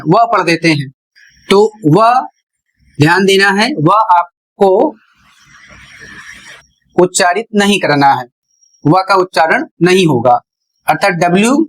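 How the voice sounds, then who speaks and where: This low-quality recording features a high-pitched, slightly bright male voice. As an English pronunciation teacher, he delivers an explanatory lesson, patiently going step by step and spelling out words one letter at a time.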